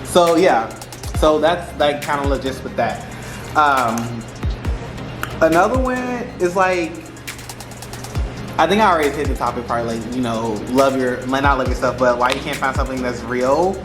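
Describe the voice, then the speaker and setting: A man's voice: medium pitch, moderate pace. Echoey, emphatic man chatting over music. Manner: rambling, emphatic, repeats phrases for stress; informal slangy speech. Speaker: vlogger giving relationship advice. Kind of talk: casual mukbang chat to camera. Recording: roomy echo with music behind.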